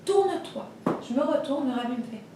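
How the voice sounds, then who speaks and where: A woman teaching a religious class, telling stories in a lively way and acting out the voices of the people in them. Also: a little high, a little fast, noisy background. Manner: lively storytelling, acts out voices. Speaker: Torah teacher. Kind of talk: storytelling class. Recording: echoey room, voice from far off.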